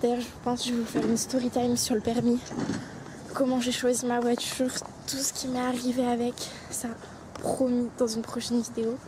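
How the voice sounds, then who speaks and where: A woman's voice: on the high side, completely flat delivery, normal speed, background noise. A young woman vlogging her day, chatting straight to her viewers and sometimes dropping to a whisper. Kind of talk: casual day-in-the-life vlog. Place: outdoors and at home, moving through the day.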